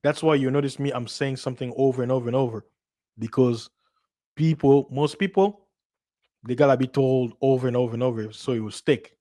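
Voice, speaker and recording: A Central African man, Lingala being his first language, hosts a livestream with a mid-range, steady, mellow voice at a fairly quick speed. His talk to viewers is loose and forceful, looping through repeated phrases, false starts and rhetorical questions.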